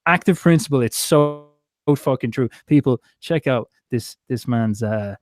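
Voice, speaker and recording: A man's voice: medium pitch, a little slow. A man hosting an interview, musing aloud in a rambling way with many fillers. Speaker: interview host. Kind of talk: casual interview talk.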